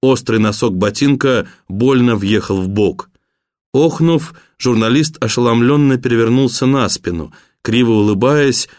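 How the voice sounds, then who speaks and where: A man narrating a crime novel in a steady, even storytelling voice. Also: mid-range voice, dry recording, studio quality. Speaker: audiobook narrator. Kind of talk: audiobook narration.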